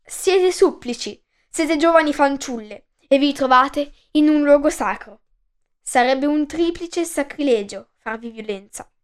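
A woman voicing a grave, protective father figure who calmly instructs his daughters in a storybook myth. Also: sits high, unhurried. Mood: reassuring. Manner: grave, reassuring. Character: father Danao, calm protective male leader.

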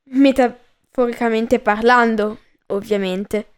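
A coy, unhinged young female kidnapper, as a woman reading a story puts her on. She speaks in a high, unhurried voice. Sweetness covers her manipulation. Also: fairly even intonation, clean tone. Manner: coy then menacing, laughs madly.

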